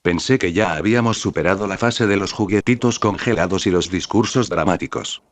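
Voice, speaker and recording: A man's voice: low voice, a little fast, close to an everyday voice. A man doing a bored, sneering villain. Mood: mocking. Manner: sneering, venomously sweet. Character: bored, mocking young male villain.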